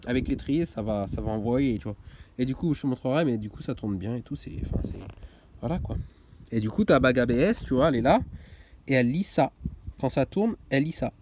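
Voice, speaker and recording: A man's voice: mid-range voice, lively intonation, brisk, a little mellow. Slangy young man in a noisy garage. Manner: slangy, swears, keeps saying "tu vois". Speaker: car mechanics vlogger. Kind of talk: casual workshop how-to. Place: garage workshop.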